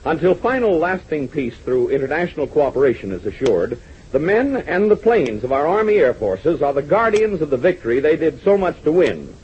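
A man's voice: a little high, big pitch swings, moderate pace, a little hiss or hum. A man narrating and announcing an old radio serial, speaking earnestly to young listeners as gang, heard as an old radio broadcast. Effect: old radio broadcast sound. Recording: dull lo-fi 1940s radio recording.

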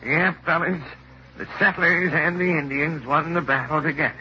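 A man's voice: on the high side, fairly even intonation, moderate pace, close to an everyday voice. A man voicing a folksy, matter-of-fact grandfather puppet in a 1950s children's television show. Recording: dull, slightly noisy vintage TV soundtrack.

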